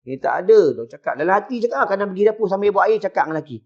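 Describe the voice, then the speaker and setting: A man's voice: sits high, animated, very fast, a little mellow, muffled recording. A male preacher with a Malaysian Malay accent giving a humorous religious lecture in a mosque hall and often checking with his listeners. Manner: chatty, tags lines with questions to the crowd.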